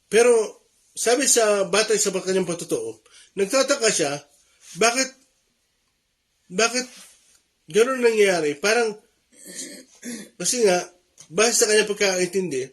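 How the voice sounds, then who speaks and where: A male Filipino preacher giving a sermon in a fairly high voice. He talks earnestly, repeats his points and pushes his voice up for emphasis. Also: expressive, unhurried, long pauses.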